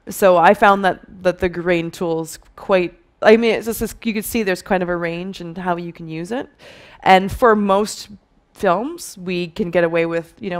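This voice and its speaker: A woman in her thirties giving a conference presentation as a film colourist, thoughtful, with many fillers and restarts. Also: fairly low pitch. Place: dim stage with dark backdrop.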